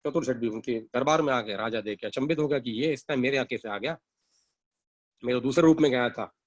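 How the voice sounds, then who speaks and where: A male storyteller tells a devotional tale at an easy, unhurried pace, pausing and restarting as he goes. His voice sits at a medium pitch. The recording is dry and close, with no room sound. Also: no echo.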